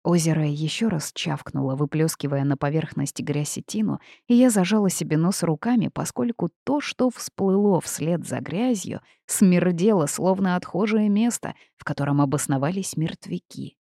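A woman narrates a first-person audiobook in a measured, expressive way. Her voice sits low with a dark, mellow tone and a gravelly edge. It is recorded close and dry, with no room echo.

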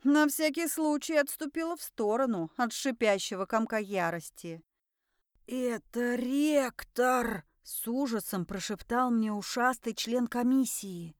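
High-voiced woman reading an audiobook. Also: moderate pace, few pauses, no echo, studio quality. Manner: lively, ironic first-person storytelling. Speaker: audiobook narrator. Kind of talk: scripted first-person audiobook narration.

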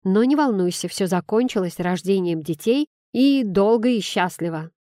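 A woman's voice: mid-range voice, animated, moderate pace, warm tone, dry recording, studio quality, lightly acted. Cheeky blunt best friend, as a woman reads her. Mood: teasing. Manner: blurting, cheeky.

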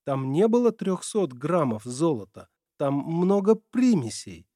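A sincere, secretive schoolboy from a storybook, explaining himself earnestly and a little guiltily. A man acts him out in a slightly raised, mellow voice with dry sound. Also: a little high, very animated, a little slow, no room sound, pitched above the performer's own voice. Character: earnest secretive teenage boy.

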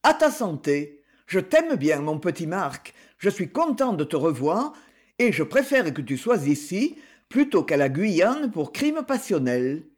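A man voicing a blunt, proud bedridden hunter who talks in a vehement, defiant way, with a high, lively, slightly husky voice at a slow pace. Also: heavily acted. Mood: affectionate.

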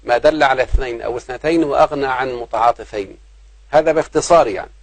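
A male teacher with a lilt works through a grammar lesson, repeating each key point and asking the class questions before he answers them. His voice sits at an ordinary pitch for a man. The recording is close and dry, with no room echo. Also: fast talker. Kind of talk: grammar lesson explaining a text.

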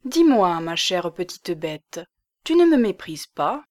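A woman's voice: on the low side, very animated, slow pace, darkish tone. A woman voicing a young coquettish married woman with a pleading, sighing lilt. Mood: plaintive.

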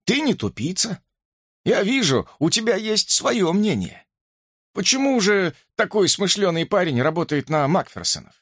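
A man's voice: high-pitched, very animated, moderate pace, fairly bright tone, no room sound, clean studio sound, pitched above the performer's own voice, full character voice. A man voicing a shrewd older cowboy detective who coaxes with a raised, overly friendly tone. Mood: coaxing.

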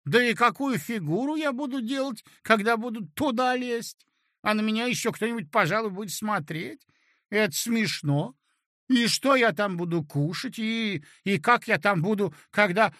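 A man's voice: high-pitched, animated, normal speed, sharp tone, no echo, clean studio sound, pitched above the performer's own voice. A man voicing a flighty, capricious young married woman who whines and exclaims, in an audiobook reading. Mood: indignant, squeamish. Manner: petulant, whiny, exclaiming. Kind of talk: audiobook character voice.

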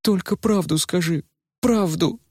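A man voicing a frantic young woman trapped in a withered old body, pleading in a high, strained voice. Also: measured pace, darkish tone, husky, no room sound, studio quality. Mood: desperate. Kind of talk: audiobook character voice.

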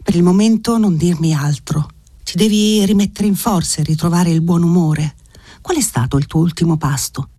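A man's voice: on the high side, normal speed, warm tone, dry recording, natural voice. A man reading an audiobook voices an awkward, kindly older guardian who fusses gallantly with dry humour. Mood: fussing.

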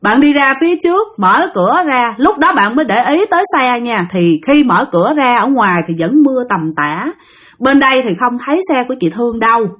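A woman narrates a ghost story in a chatty way, speaking straight to her listeners. Her voice sits high and swoops through a wide, lively range. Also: a little fast. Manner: chatty, addresses listeners directly.

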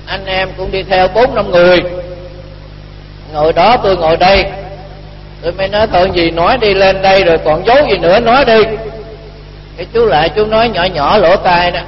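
A man's voice: high-pitched, slight background noise. A man, a Buddhist monk giving a storytelling sermon and acting out the dialogue in his tale. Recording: dull lo-fi recording with long reverb.

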